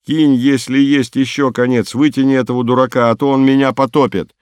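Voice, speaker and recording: A man's voice: mid-range voice, no room sound, clean studio sound, close to an everyday voice. A man playing a stubborn young trainee. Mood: urgent. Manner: brisk, defiant replies.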